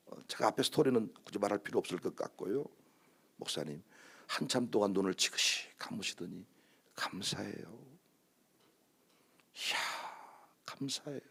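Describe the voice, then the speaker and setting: A man's voice: on the low side, creaky. A man preaching a sermon as pastor, telling stories animatedly and acting out quotes. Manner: animated storytelling with acted-out quotes.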